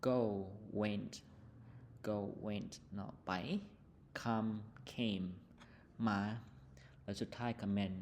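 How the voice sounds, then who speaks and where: A male teacher with a Lao accent explaining an English textbook lesson, reading English words slowly, then explaining them quickly with many fillers. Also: lowish voice, steady tone, creaky, darkish tone, slight background noise.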